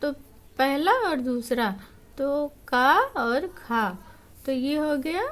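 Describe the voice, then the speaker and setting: A woman's voice: sits high, slow pace, fairly bright tone. A woman teaching a grammar lesson, explaining patiently and repeating each point step by step.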